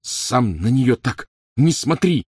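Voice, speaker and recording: A man voicing a blunt teenage boy in a storybook reading, slow and growled. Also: medium pitch, lively intonation, darkish tone, no room sound, studio quality, voice pushed up, close to an everyday voice.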